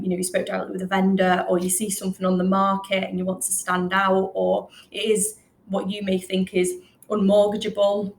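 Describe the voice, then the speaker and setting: Fast-talking woman with a gravelly, flat voice. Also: medium pitch, slight background noise, poor audio. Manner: talks very quickly, with frequent fillers. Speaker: finance business development manager. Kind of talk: webinar presentation and Q&A.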